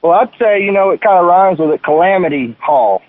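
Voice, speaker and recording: A man's voice: high voice, expressive, brisk, slight background noise. A man calling in to a radio show, eager and deferential toward the host. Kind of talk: phone-in call. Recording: tinny phone line.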